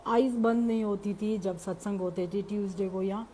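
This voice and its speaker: A middle-aged woman shares a personal spiritual testimony in animated storytelling, slipping English phrases into her talk. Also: mid-range voice, normal speed, slight background noise. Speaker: devotee sharing a testimony.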